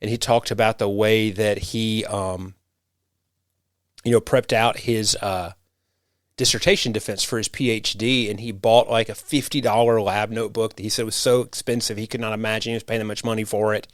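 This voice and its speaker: A man's voice: on the low side, flat delivery, moderate pace, dry recording. Reflective male podcast host, dry sound. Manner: rambling, reflective, with frequent restarts. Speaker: podcast host and rural pastor. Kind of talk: casual conversation.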